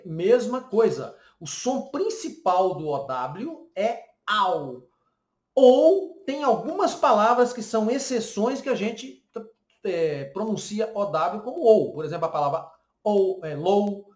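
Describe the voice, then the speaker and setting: A man's voice: high-pitched, a little mellow, echoey room. A Brazilian man with a Brazilian Portuguese accent teaching English pronunciation, explaining patiently and often checking in with the listener. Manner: explains patiently with frequent "né?" and "ok?" tags. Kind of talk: pronunciation lesson.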